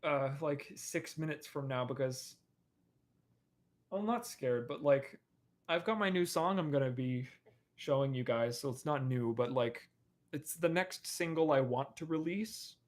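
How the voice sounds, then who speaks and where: A man's voice: mid-range voice, expressive, a little slow. A young man answering viewer questions on a live stream in a rambling, casual way, full of fillers and restarts. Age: young adult. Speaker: animator and streamer.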